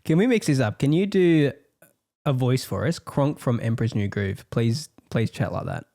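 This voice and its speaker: A man's voice: medium pitch, animated, normal speed, warm tone. A man co-hosting a podcast, bantering in a playful, teasing way. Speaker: podcast co-host. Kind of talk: casual banter.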